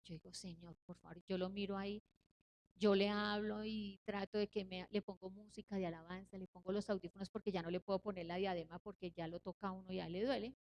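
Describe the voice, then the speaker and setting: A woman leading a Bible study, sharing personal testimony in an earnest sermon, slowing down to stress her points. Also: mid-range voice, flat delivery, lo-fi sound.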